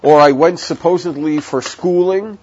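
A man's voice: fairly high pitch, moderate pace, a little mellow, husky. A man giving a recorded Torah class in a conversational, digressive way, telling jokes along the way. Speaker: Torah teacher. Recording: dull lo-fi audio with faint hiss.

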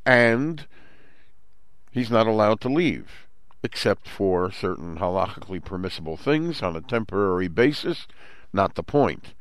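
A man, hosting a Torah commentary talk in a measured, explanatory way and using Hebrew terms. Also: fairly low pitch, animated, no room sound. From Brooklyn, New York. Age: 60s. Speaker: host.

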